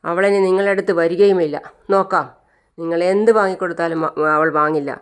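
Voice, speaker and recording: The narrator voicing a young mother who is angry and protective, with sharp, defiant retorts in a clear voice. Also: lowish voice, fairly even intonation, fast talker, close to an everyday voice.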